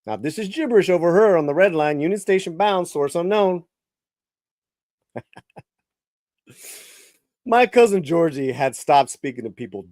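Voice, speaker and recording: A man gives a dramatic live reading of his own first-person novel, shifting between hushed and emphatic lines and frequently restarting words. His voice sits on the high side, and the studio recording is clean with no echo.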